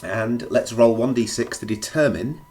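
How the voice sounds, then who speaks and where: A man with a croaky, under-the-weather voice thinks aloud in casual play-by-play as he plays a board game alone. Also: medium pitch, normal speed. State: feeling rough, under the weather. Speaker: solo board game player presenting a run-through. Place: indoors at a gaming table. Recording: clear background noise, clicks.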